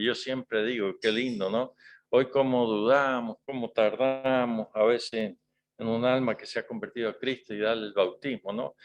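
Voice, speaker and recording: A man's voice: medium pitch, slight background noise. A male preacher giving a sermon in a conversational style, often tagging his points with rhetorical questions to the congregation.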